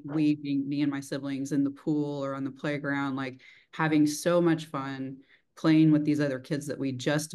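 A middle-aged woman from rural Texas, with a mild accent and a deep, darkish voice, hosts a casual, reflective chat over a video call, saying "like" often. She's the interviewer, in a small indoor room with the mic at desk distance.

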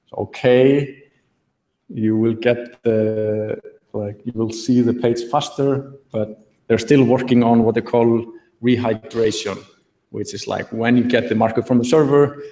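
A young man giving a relaxed tech talk at a meetup, thinking aloud with fillers from a podium in a large auditorium. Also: lowish voice. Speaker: conference speaker. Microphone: podium mic, recorded from the hall. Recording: echoey hall.

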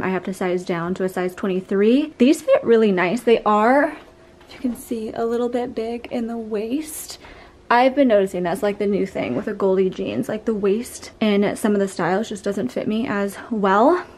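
A chatty young woman talks straight to her viewers at a middle pitch, leaning on "like" fillers as she tries on clothes. Her voice is caught by a nearby camera in a small indoor apartment. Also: normal speed, darkish tone. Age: young adult. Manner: chatty, frequent "like" fillers, friendly address to viewers. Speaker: lifestyle vlogger. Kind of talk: casual try-on haul chat.

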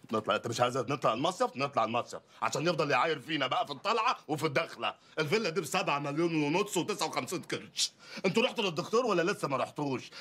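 A man's voice: a little high, fairly bright tone. An actor with an Egyptian accent playing a brash, poor male lawyer who teases and bickers in comic banter. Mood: bickering. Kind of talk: film comedy acting.

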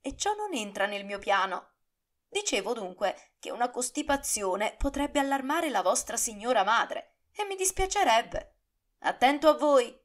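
A woman's voice: fairly high pitch, sing-song, a little slow, voice pushed up. A cocky young swordsman who mocks his rival with cheerful, ironic courtesy, as a woman puts him on in an audiobook. His voice jumps upward with taunting flourishes. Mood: mocking. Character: mocking, swaggering young male swordsman. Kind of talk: audiobook character reading.

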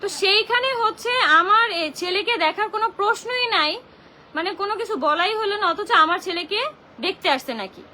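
A woman's voice: very high-pitched, brisk, bright, forceful tone, slight background noise. A young woman venting on a phone livestream, heated and indignant and full of rhetorical questions. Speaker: social media livestreamer. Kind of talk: livestream rant.

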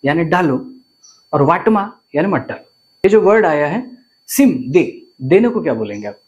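A man's voice: fairly high pitch, a little mellow. A man, teaching vocabulary to viewers and often repeating words and asking questions. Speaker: language teacher.

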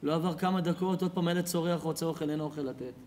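Male preacher, fairly high voice, dramatic storyteller who drops to hushed tones, faint hiss behind. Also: fairly even intonation. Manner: dramatic storytelling, swings from loud cries to hushed near-whispers. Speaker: rabbi. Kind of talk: sermon.

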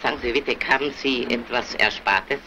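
An actor playing a fussy, excitable older bank cashier who talks in a pompous, lecturing way, in early sound-film acting, on a hissy, muffled 1930s film soundtrack. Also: male voice, medium pitch, natural voice. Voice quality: pompous, lecturing, fast and fluttery when agitated.

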